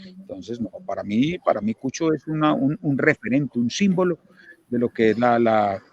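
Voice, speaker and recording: A Colombian man chatting casually as a guest sports commentator, animated and repeating phrases for emphasis. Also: medium pitch, normal speed, slightly rough, lo-fi sound. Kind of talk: casual interview storytelling.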